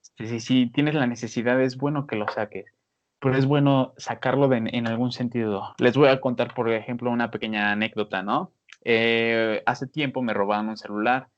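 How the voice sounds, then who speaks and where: Animated man, lo-fi podcast. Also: medium pitch, normal speed. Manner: animated, many fillers, acts out scolding voices. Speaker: podcast panelist. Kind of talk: casual podcast advice talk. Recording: dull lo-fi sound.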